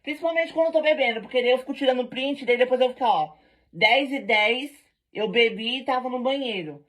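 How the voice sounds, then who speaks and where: High-voiced woman telling a wild story. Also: fairly quick. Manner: animated, slangy, jokey. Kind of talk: casual storytelling to camera.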